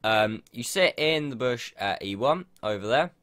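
The speaker, a young man whose nose is stuffed up from a cold, has a medium-pitched, fairly bright, expressive voice at a measured pace. As a gaming channel host commenting on a replay, he explains tactics casually and in a rambling manner, peppered with ums.

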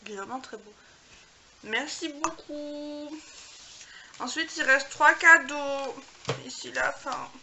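A woman beauty vlogger talks casually to camera and gushes over each gift in a fairly high voice. Her chat is loose and full of little fillers. A steady hiss and small clicks sit under the voice. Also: normal speed, vocal fry. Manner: gushing, chatty, filler-heavy.

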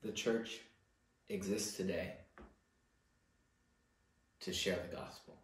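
A man's voice: low-pitched, slow pace. A middle-aged man preaching a sermon as pastor, earnest and pressing key words, recorded from a far camera in a library room. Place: church library room with bookshelves, indoors. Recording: very echoey room.

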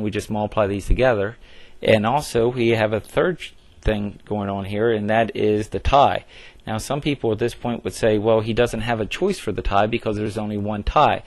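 Man, math instructor, lowish voice, dry close sound, explains step by step with "uh"s. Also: no echo. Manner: plain explanatory, frequent "uh" fillers and restarts. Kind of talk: recorded math lecture.

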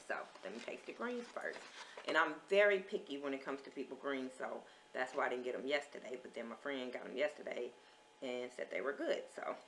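A woman's voice: extremely low pitch, vocal fry, fairly bright tone, a little hiss or hum. A woman vlogger, chatting casually as she lists menu items and reviews food. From American.

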